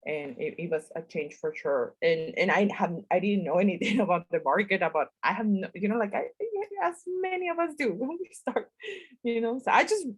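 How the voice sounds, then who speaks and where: With a medium-pitched, slightly rough voice and a somewhat fast pace, a Spanish-speaking woman from northern Mexico answers interview questions as a guest writer. She has a Mexican accent, jokes at her own expense, laughs a lot, and is recorded dry.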